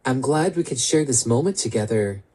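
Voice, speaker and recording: A woman whose voice is run through an app voice changer that drops it very low, playing a joking cafe companion. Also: animated, normal speed, dark tone. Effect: voice changer shifting her voice far lower.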